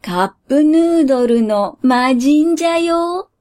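A dubious, lanky middle-aged genie, as a woman reader puts him on, stretching each word into a slow, sly drawl. The voice sits fairly high for a man, with an old-fashioned, folksy turn of speech. It is a storybook voice, half comic and half cheap showman. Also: lively intonation, a little mellow. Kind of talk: storybook character voice.

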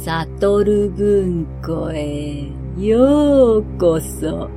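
A woman voicing a sly female death spirit who keeps a bookshop, talking softly and slowly with a creepy giggle. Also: fairly low pitch, animated, heavily acted. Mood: eerie welcome. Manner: soft, slow, with a creepy giggle. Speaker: bookshop keeper. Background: music playing.

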